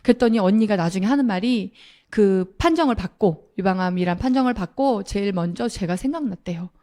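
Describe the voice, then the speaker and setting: A woman's voice: medium pitch, brisk, warm tone. A middle-aged woman telling a personal story to an audience, acting out quoted lines with animation. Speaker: speaker at a sales seminar.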